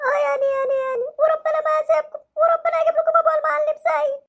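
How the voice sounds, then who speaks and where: Whiny schoolboy, shrill ranting, very high, rapid-fire, bright and strained. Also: female voice, fairly even intonation. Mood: furious. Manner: shrill wailing rants, repeated oaths. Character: cheeky schoolboy, whiny, then furious and threatening. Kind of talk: comedy sketch acting.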